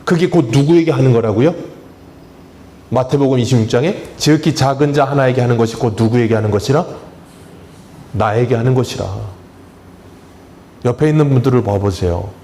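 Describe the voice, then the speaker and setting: A man's voice: medium pitch, fairly quick, pauses often, dark tone. A man who is a pastor, preaching a sermon in a church in a plain, conversational way. He keeps asking the congregation questions and then answers them himself, with touches of humor. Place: church sanctuary.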